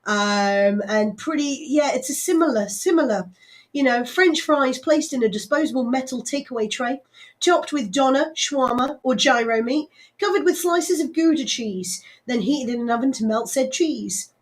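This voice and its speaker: Chatty higher-voiced woman radio host. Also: normal speed. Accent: English West Country. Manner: chatty, rambling, laughs often, fillers. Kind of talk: casual live radio chat.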